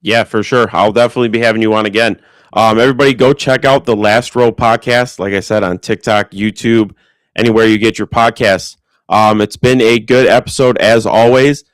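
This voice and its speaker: A man with a fairly low, steady voice hosts a casual sports podcast, friendly and agreeable, dropping in quick asides. The audio is poor but has no echo.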